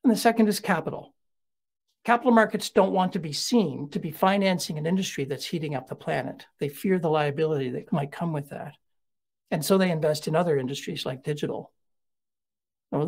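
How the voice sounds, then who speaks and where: A middle-aged man delivers a keynote talk in a husky, slightly breathy voice. He tells stories in a lively, conversational way, dropping in asides as he goes. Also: a little high. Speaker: keynote speaker.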